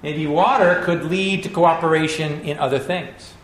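A man's voice: on the high side, steady tone. Man lecturing in an echoey room. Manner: measured, emphatic, with frequent restarts and fillers. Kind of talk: public lecture with slides.

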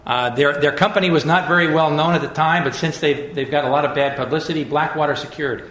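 A man giving a public lecture with slides, in a measured, emphatic way with frequent restarts and fillers. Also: fairly high pitch, a bit bright, reverberant.

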